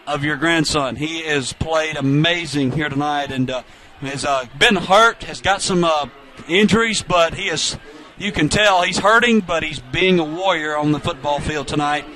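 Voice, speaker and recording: Man, play-by-play caller for a local football stream, high and bright, chatty between plays. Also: normal speed. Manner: chatty, reads out viewer shout-outs. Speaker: play-by-play announcer. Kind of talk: high school football commentary.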